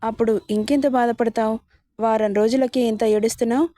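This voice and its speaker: A woman doing a gently teasing mother. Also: a little high, steady tone, brisk, no echo, close to an everyday voice. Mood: coaxing. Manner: coaxing, affectionate scolding. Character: middle-aged mother, gently teasing and kind.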